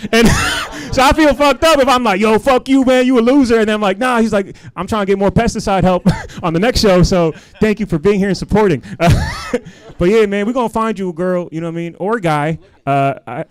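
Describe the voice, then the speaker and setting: A man's voice: high voice, fairly bright tone, no echo. A man hosting a live comedy show, joking loosely with the crowd and laughing often between lines. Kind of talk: stand-up emcee banter. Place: live comedy stream venue.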